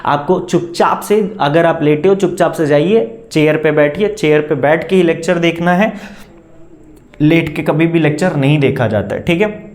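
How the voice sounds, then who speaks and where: A man's voice: on the high side, a little mellow. A man teaching chemistry, coaxing students he calls beta and answering his own questions. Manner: dictates definitions slowly, word by word. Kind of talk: classroom lecture. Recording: echoey room.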